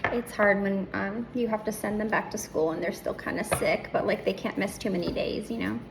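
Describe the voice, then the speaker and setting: A middle-aged woman doing a casual tarot reading, her voice slightly hoarse and often slipping into a soft, breathy whisper. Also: mid-range voice, fairly quick, background noise. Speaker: tarot reader. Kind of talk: casual spiritual reading chat.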